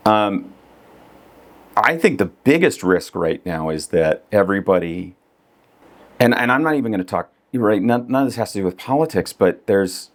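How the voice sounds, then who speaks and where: A man's voice: fairly low pitch, lively intonation, moderate pace. A middle-aged man, a real estate agent, talking casually as a podcast guest, with lots of fillers and frequent laughs. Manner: conversational, laughs often, many fillers.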